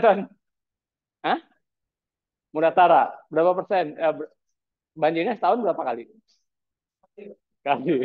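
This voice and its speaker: A man lecturing a university class, prodding students with repeated teasing questions. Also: high voice. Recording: tinny phone-like sound.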